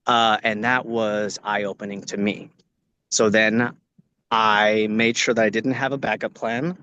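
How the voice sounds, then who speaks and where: Speaking unhurriedly with a flat delivery, this low-leaning male voice sounds bright, forceful and smooth. He's an American working actor from Orange County, California, on a video call from an outdoor location, giving acting students casual, earnest advice and repeating phrases for emphasis. There's no room sound, though the audio comes across dull.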